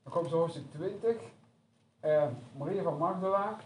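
A man's voice: fairly high pitch, moderate pace, darkish tone. A man preaching a sermon in a conversational, hesitant way, recorded from far off in an echoey church hall. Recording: echoey room from far off, noisy.

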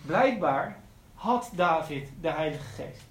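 A man's voice: fairly high pitch, lively intonation, takes it slowly, reverberant, rough recording. A man preaching a sermon, earnest and repeating his key phrases for emphasis. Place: church.

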